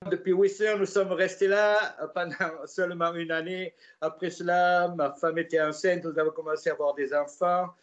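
Older Gascon-accented man, higher voice. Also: moderate pace, few pauses, dull audio. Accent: Gascon French. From southwest France. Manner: relaxed, hesitant with many "euh" fillers. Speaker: interview guest. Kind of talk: casual storytelling.

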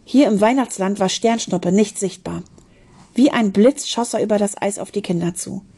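A woman reads a children's story aloud, shaping the scenes with expressive delivery and the odd slip. Her voice is mellow and dark in tone, with a husky, breathy edge. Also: medium pitch, normal speed. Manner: expressive, with small slips and restarts. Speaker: narrator.

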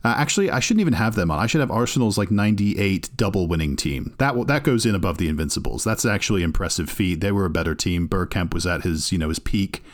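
Deep-voiced man ranking teams on a podcast. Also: expressive, quick pace, few pauses. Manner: opinionated, teasing, many "uh" fillers. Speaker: podcast co-host. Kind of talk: casual sports chat.

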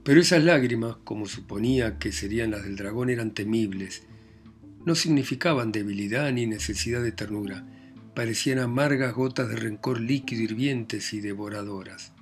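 A man reading a novel aloud as an audiobook narrator, in a measured, somber manner. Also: lowish voice, faint music behind.

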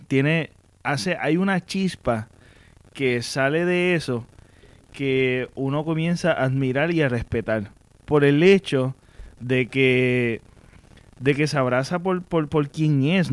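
A man's voice: medium pitch, slow, no room sound. A man hosting a casual podcast conversation, speaking earnestly and supportively as he searches for words.

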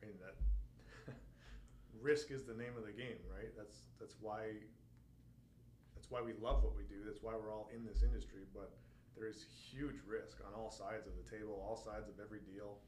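A man chatting on a podcast in a measured, agreeable way. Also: fairly low pitch, steady tone, darkish tone, slight background noise. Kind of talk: casual chat. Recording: roomy echo, faint ambience.

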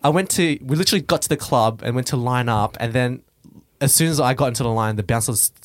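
Young man, mid-pitched, casual rambling, dry close sound. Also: quick pace, no room sound. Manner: chatty, laughing, filler-heavy. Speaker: podcast host. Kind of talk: casual chat. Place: insulated studio room.

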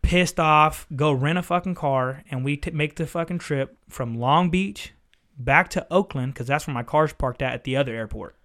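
A young man, telling a story in casual chat. He is animated and profane, acting out both sides of each exchange. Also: on the high side, normal speed, few pauses. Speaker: podcast host.

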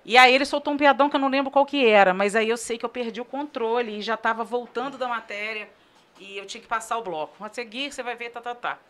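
A woman's voice: fairly high pitch, fast. A Brazilian woman, a TV news editor, telling funny work stories in a casual podcast chat. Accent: Brazilian Portuguese. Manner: lively storyteller, laughs while telling anecdotes.

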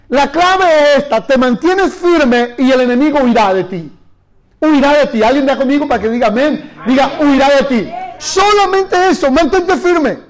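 A man preaching with a very high voice, pressing his listeners over and over. He calls out lines for the congregation to repeat and drives each point home with fervent repetition. His tone is urgent and exhorting throughout. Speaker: pastor. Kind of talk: sermon.

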